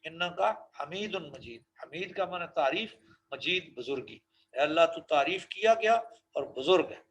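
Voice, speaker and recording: A man giving a religious lesson on correct prayer pronunciation, slowly drawing out recited phrases and correcting common mistakes. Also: on the high side, expressive, a bit bright, a little hiss or hum, poor audio. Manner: slow drawn-out recitation of Arabic phrases between explanations; corrective, instructive tone. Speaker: religious teacher.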